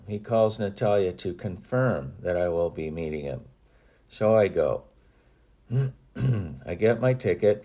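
A man's voice: deep voice, warm tone. A man reading his own book aloud, telling a personal story in an earnest, reflective way with a few small restarts. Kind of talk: audiobook narration.

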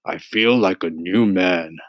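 A man voicing a friendly male scarecrow with a husky voice, polite and earnest. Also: low voice, takes it slowly, dry recording.

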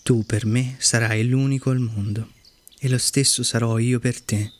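A man's voice: mid-range voice, steady tone, unhurried, natural voice. A man doing a wise, patient fox. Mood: earnest. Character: wise lonely female fox, patient and gentle.

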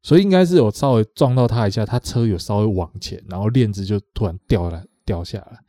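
A man's voice: lowish voice, quick pace, dark tone, no room sound, studio quality. A man with a Taiwanese Mandarin accent telling a rambling story on a podcast, repeating himself and acting out what others said. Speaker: podcast co-host. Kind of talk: casual storytelling chat.

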